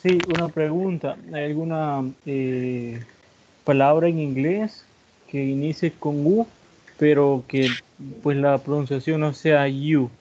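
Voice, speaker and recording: A male student with a Salvadoran Spanish accent asks hesitant, polite questions in an online class. He speaks slowly in a dark, mellow voice. The call audio is muffled. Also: a little high, slight background noise.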